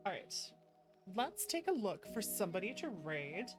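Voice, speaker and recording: Her medium-pitched voice swings widely in pitch as she talks at a moderate pace, with music in the background. The woman is a streamer casually chatting with viewers, affectionate, effusive and thankful.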